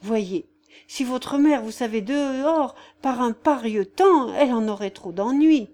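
A woman reads a novel aloud, lightly acting the part of a simple, devout young peasant girl who speaks in artless, rustic phrases. Her voice is a little high, a little slow, and darkish in tone, and the mood is earnest in this audiobook character voice.

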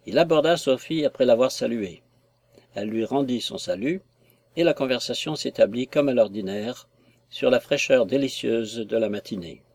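A man narrating a classic novel in a measured, literary reading. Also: medium pitch, darkish tone, dry recording. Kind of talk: audiobook narration.

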